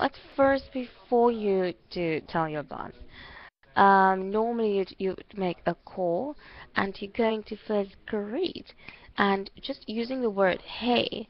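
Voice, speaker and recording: Woman language teacher, encouraging and explanatory, often checking understanding, on slightly dull, lo-fi audio. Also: mid-range voice. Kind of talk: giving spoken feedback in an online English lesson. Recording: muffled lo-fi online call audio.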